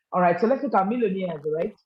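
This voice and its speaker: A man with a high, gravelly voice presents a live business leadership training to a group, earnest and coaching in tone. He frequently checks in with "all right?", and the recording is roomy, muffled and lo-fi.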